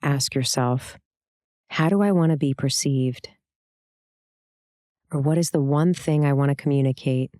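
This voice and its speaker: In a scripted guided meditation, the instructor's mid-range voice sounds clear and smooth, its tone dark and at ease. Phrases come gently and soothingly, separated by long pauses, and the audio is dry with no echo or surrounding room.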